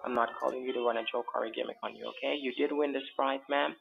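A man's voice: medium pitch, fairly even intonation, quick pace, gravelly. A man with a Jamaican accent talking insistently and placatingly, persuading someone on a phone call. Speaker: phone scammer. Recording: dull, noisy phone line.

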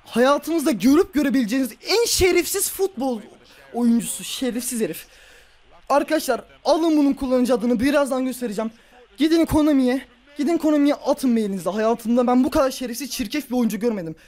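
A man giving let's-play commentary, yelling and ranting furiously at his opponent, then grumbling. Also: very high-pitched, brisk. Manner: muttering and grumbling after the game. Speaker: gaming YouTuber.

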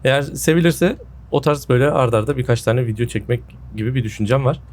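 Recording casual gameplay commentary on a headset mic from a room at home, this gaming video host sounds a bit off because of a sore throat. His mid-range voice is darkish in tone, fairly even in intonation, and fast.

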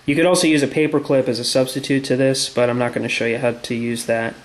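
This tutorial presenter talks fast in a mid-range, fairly even voice as he demonstrates a task step by step. He works casually at a tiled tabletop indoors, and the room echoes, with noise in the background.

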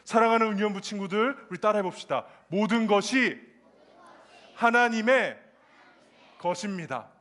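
A man preaching a lively children's sermon, asking the kids questions and acting out the people in the story. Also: high voice, moderate pace, long pauses. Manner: lively, asks children questions, acts out quotes. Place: church children's service.

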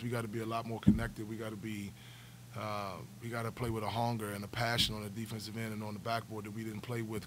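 Seated at a table in front of a press room backdrop, a basketball coach in his forties fields postgame questions through a table stand mic. His voice sits on the low side, earnest in tone, and he frequently repeats words when restarting a thought. There's a little hiss or hum on the audio.

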